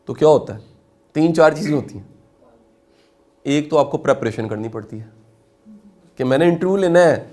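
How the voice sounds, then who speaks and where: A middle-aged man from Pakistan, giving an animated motivational lecture and asking his audience questions. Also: a little high.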